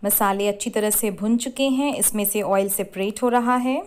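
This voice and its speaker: A woman hosting a cooking channel, giving clear step-by-step recipe instructions in a scripted voice-over. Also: mid-range voice, moderate pace, slight background noise. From India.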